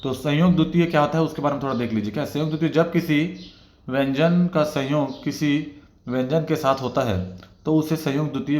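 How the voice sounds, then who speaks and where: An exam-prep tutor works through test questions one by one, checking in with his viewers as he explains and repeating "theek hai" as a filler. His mid-range voice has a darkish tone, and the sound is roomy.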